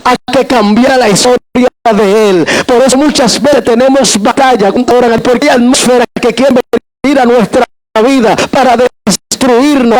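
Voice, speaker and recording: High-voiced man preaching a fiery sermon. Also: low-quality recording. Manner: preaching with shouted emphasis and repeated calls to the congregation. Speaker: pastor.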